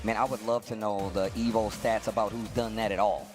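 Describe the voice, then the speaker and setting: A man's voice: fairly low pitch, little pitch movement, brisk. A man commentating on a fighting game tournament with casual, slangy analysis of the play. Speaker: esports commentator. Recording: music playing behind the voice.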